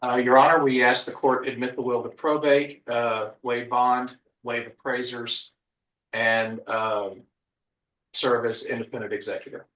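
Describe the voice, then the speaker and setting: Attorney's voice on a courtroom recording, echoey. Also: male voice, medium pitch, fairly even intonation, unhurried, a bit bright. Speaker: probate attorney. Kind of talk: formal courtroom questioning. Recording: echoey room, distant mic.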